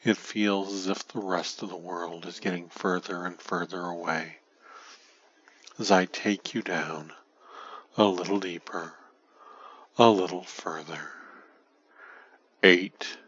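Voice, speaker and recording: A man with a very low, husky voice leads a hypnosis induction at an unhurried, drawn-out pace. He soothes with gentle repetition, sometimes sinking into breathy half-whispers. The recording sounds muffled and lo-fi. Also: fairly even intonation.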